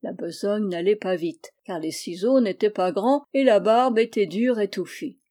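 Une femme qui lit un conte de fées d'une narration mesurée et expressive. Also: female voice, medium pitch, moderate pace. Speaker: storyteller. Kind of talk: fairy tale reading.

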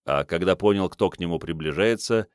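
A man reading a fantasy audiobook in a steady, measured manner. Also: sits low, smooth, no echo, clean studio sound. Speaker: narrator. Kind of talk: audiobook narration.

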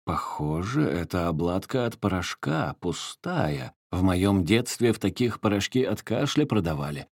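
A man doing a measured, thoughtful older gentleman. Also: deep voice, very animated, no echo, clean studio sound, full character voice. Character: calm older man, curious host.

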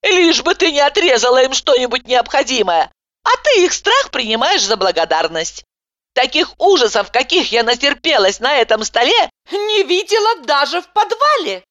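Female reader doing a shrieking, outraged young woman; high and lively, dull dry audiobook sound. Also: moderate pace, dry recording. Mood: indignant. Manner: shrill, yelling. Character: excitable indignant young woman, loud and furious.

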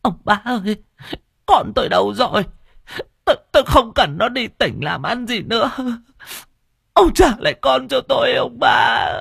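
A frantic old village mother from a spoken story, played by a man. She pleads in a high, cracking voice as she cries. The tone stays husky and gravelly, in a dry, close recording. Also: normal speed, pauses often, a bit bright, no echo, exaggerated voice. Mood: wailing. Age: older. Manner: pleading, wailing. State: crying.

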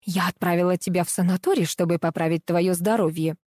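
A woman's voice: lowish voice, fairly even intonation, a little fast, dry recording, studio quality, natural voice. A woman voicing a domineering, scolding middle-aged mother-in-law in an audiobook reading. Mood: indignant. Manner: commanding, sharp, scolding.

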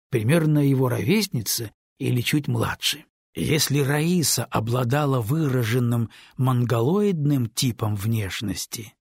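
A man reads a novel aloud in calm, steady storytelling. His voice is husky with a gravelly rasp, and the recording is close and dry. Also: medium pitch, no room sound. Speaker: audiobook narrator. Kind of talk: scripted narration.

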